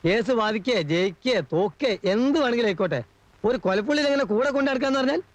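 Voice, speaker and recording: A fussy middle-aged hanger-on from an old film comedy, talking. He is excitable, gossipy and full of his own importance. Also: very high voice, quick pace, dry recording, rough recording. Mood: boastful.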